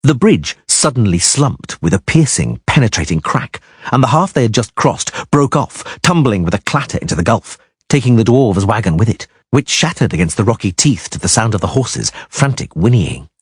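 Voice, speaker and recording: Husky, low male narrator for dramatic fantasy audiobook; dry close voice-over. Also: sing-song, moderate pace, no echo. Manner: emphatic, swelling on action words.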